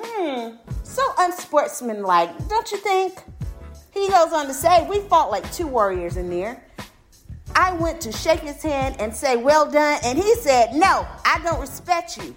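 A woman's voice: sits high, a bit bright. Bubbly woman on sports news. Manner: bubbly, playful, cheers for home teams. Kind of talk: upbeat sports news roundup.

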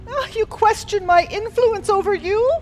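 A woman's voice: fairly high pitch, big pitch swings, slow pace, faint music behind, exaggerated voice. A woman playing an imperious, menacing mystic villainess in an audio drama, grandiose and taunting. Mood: seething. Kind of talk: dramatic audio fiction acting.

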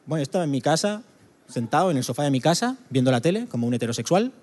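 A man from doing a stand-up monologue, punchy and chatty with quick asides to the crowd. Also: a little high, sing-song, a little mellow, in a large hall. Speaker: stand-up comedian.

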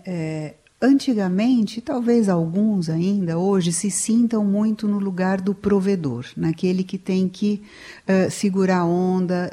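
A middle-aged Brazilian woman, a clinical psychologist guest on a radio talk show, explaining lively and acting out what people say. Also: fairly low pitch. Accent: Brazilian Portuguese. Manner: animated, acts out quoted people in raised voice.

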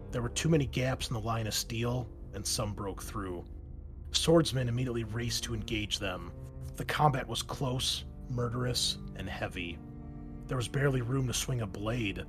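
A man acting as game master, describing the scene and reading battle narration aloud at a measured, steady pace. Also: medium pitch. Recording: music playing underneath.

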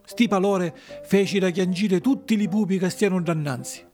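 A man narrating a storybook tale in a lively, rustic way, with faint music behind. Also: sits high, moderate pace.

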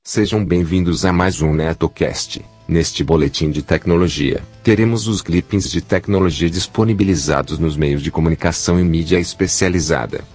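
A very low male voice from an old-style speech synthesizer reads scripted news with a Brazilian accent. The delivery is mechanical and announcer-like. The tone is husky, with soft music underneath. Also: moderate pace, few pauses. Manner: mechanical, evenly read announcements. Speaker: podcast news bulletin announcer.

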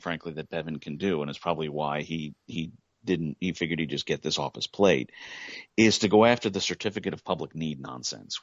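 Deep-voiced guy podcasting politics, lots of false starts, kinda muffled dry audio. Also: no room sound. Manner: halting, many restarts, then firm points. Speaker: podcast co-host. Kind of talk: casual political chat.

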